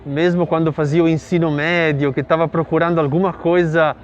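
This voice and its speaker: Italian priest speaking reflectively. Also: male voice, fairly high pitch, level tone, fairly quick, lo-fi sound, slight background noise. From Italy. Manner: thoughtful, with fillers and tag questions. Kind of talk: interview answer, telling his story.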